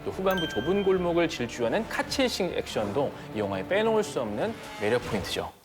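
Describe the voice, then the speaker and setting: Quick energetic guy summing up movies, lively voice, music playing under. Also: on the high side. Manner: brisk, energetic presenter. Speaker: co-host, film creator. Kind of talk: film review narration and chat.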